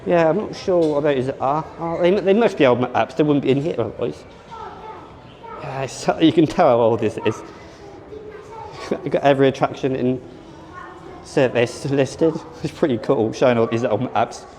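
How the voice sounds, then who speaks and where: At a theme park and later inside an exhibition, a man offers casual, rambling vlog commentary in a medium-pitched, darkish voice at a moderate pace. He pauses often, thinks out loud, and frequently restarts or corrects himself.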